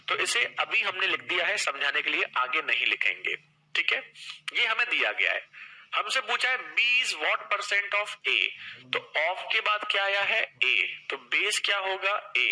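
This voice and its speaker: A man teaching a live online maths class in a high, very bright, forceful voice. He fires questions at his students and cheers them on by name. When he reads out a problem, he slows down and drags out each word. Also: rough recording. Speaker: math teacher.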